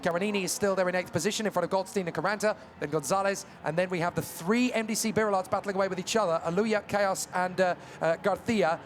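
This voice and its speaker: High-pitched male motorsport commentator over loud noise. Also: quick pace, hardly any pauses. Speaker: motorsport commentator, lead caller. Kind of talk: live kart race commentary. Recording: loud engine and track noise behind.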